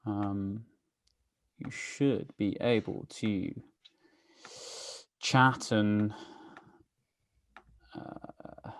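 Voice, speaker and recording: Guy hosting a webinar, lowish voice, loose and chatty, dry close sound. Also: no room sound. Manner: chatty, filler-heavy, greeting viewers by name. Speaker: webinar host. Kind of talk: casual live-stream chat.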